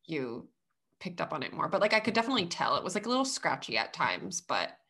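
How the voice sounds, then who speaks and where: A woman co-hosting a casual podcast, talking in an animated, chatty way and laughing often. Her voice sits a little low for a woman. She tells her stories with plenty of energy. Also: fast talker, husky. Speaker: podcast co-host. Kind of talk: casual chat. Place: away from home, recording remotely. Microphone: headphones over both ears.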